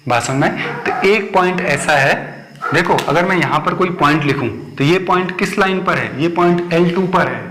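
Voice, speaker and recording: Patient maths teacher, echoey room. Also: male voice, a little high, normal speed, noisy background. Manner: patient, repeats points and checks understanding with the class. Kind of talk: whiteboard maths lesson for children. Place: classroom at a board.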